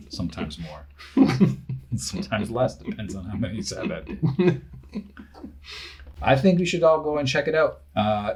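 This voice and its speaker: A man in his thirties co-hosting a podcast, joking around and mockingly reading book blurbs aloud. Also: fairly low pitch. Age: 30s. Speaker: podcast co-host. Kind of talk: casual chat.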